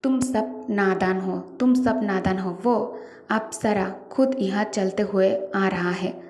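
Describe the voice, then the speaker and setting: A woman's voice: mid-range voice, fairly even intonation, slow pace, a little mellow, natural voice. A woman playing a cocky, theatrical young man. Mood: boastful. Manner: boastful, theatrical. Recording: roomy echo.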